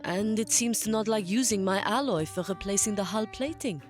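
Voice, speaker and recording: A woman acting as a gentle ship doctor in a sci-fi audio drama. Her medium-pitched voice is calm and reasonable, over faint music. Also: normal speed, close to an everyday voice. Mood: calm, apologetic. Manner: calm, considerate.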